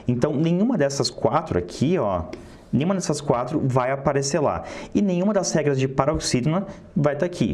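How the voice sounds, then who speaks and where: A man's voice: medium pitch, darkish tone. A man teaching an online grammar lesson, explaining step by step and often checking in with "tá?".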